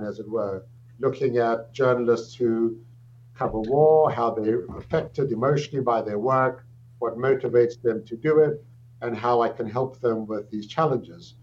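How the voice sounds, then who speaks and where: A middle-aged South African psychiatrist, appearing as a guest, answers an interview question by recounting his background. His mid-range voice has a darkish tone, and his speech is measured and thoughtful, with frequent pauses and restarts. The audio is dull and lo-fi, with a faint hum.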